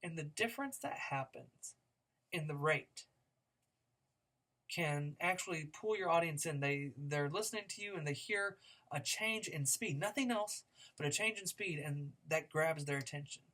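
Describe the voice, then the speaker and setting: A male speech instructor gives a recorded lecture at a moderate pace, conversational and demonstrative. He fills it with fillers and restarts while shifting his speed, pitch and loudness to illustrate his points.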